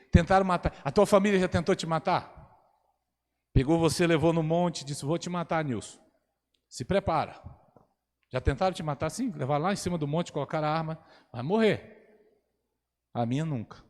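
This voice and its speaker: A man preaching a sermon as pastor, animated and rising to loud exclamations, in a church hall. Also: mid-range voice. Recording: long church hall reverb.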